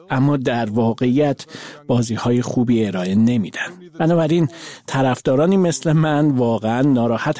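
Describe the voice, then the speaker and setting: A man giving a measured voice-over translation of a guest's interview answers. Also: medium pitch, warm tone.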